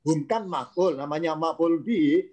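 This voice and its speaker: A man's voice: fairly high pitch, unhurried, a little mellow. A man teaching an online grammar class, explaining patiently, repeating key terms and quizzing his students.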